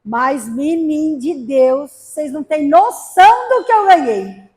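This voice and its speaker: Brief: high-pitched woman lecturer from Brazil, humorous storyteller. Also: expressive, unhurried, a little mellow. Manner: storytelling with acted quotes and humor. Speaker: spiritist lecturer. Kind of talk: spiritist talk to a gathering. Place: spiritist center hall.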